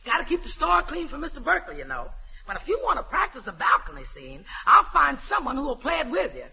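An actor playing a scatterbrained store caretaker who rambles and cracks jokes. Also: male voice, extremely high pitch, wildly swooping pitch, fast, gravelly, sharp tone, heavily acted. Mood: rambling. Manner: rambling, wisecracking storyteller. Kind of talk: 1940s radio comedy acting. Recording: muffled old radio recording.

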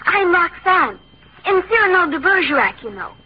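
A woman's voice: very high voice, big pitch swings, normal speed. A woman playing a poised, affected, coquettish teenage girl in an old-time radio comedy. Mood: coy. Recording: dull lo-fi old radio recording.

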